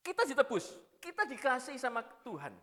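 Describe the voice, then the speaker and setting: A man. His pitch leaps and falls with lively feeling. He moves from loud, pressing points to quiet, confessional stretches. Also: a little fast. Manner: animated, swinging from loud emphasis to hushed confession. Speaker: preacher. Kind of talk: sermon.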